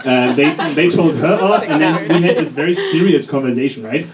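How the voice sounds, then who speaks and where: A young man in his twenties with a German accent, a native German speaker doing open mic stand-up with a deadpan, halting, self-deprecating delivery. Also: on the high side, crowd noise. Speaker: stand-up comedian. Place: college open mic venue with audience. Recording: roomy, distant, noisy audience recording.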